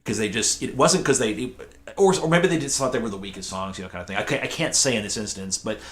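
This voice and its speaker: A man's voice: lowish voice, fast, fairly bright tone. A man, a mastering engineer guest, explaining technical details in a casual podcast chat with many fillers.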